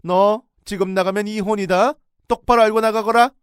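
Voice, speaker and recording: A man voicing a furious, domineering older woman, an in-law who scolds in shrill shouts. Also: fairly even intonation, moderate pace, clean tone, dry recording, studio quality, close to an everyday voice. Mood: threatening.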